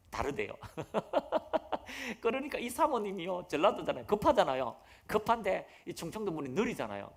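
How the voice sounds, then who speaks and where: A male pastor delivers a sermon in a voice pitched on the high side for a man. His intonation swings widely and lively as he asks his listeners questions and calls out hallelujahs. He lightens the preaching with humorous asides.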